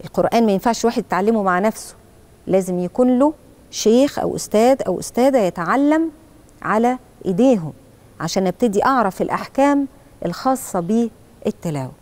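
Speaking with an Egyptian Arabic accent, she teaches children to recite the Quran and also preaches, breaking down each rule step by step and modeling verses at a slow pace. Her voice is fairly high, animated, and darkish in tone.

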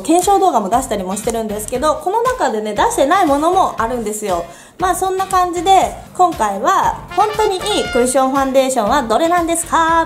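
A young woman vlogger chatting upbeat and playful while reviewing beauty products. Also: sits high.

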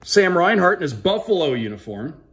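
This man's voice is high-pitched and fairly bright, sing-song at a moderate pace. Doing upbeat, casual unboxing commentary, he reads names aloud to viewers just as a radio sports play-by-play broadcaster would.

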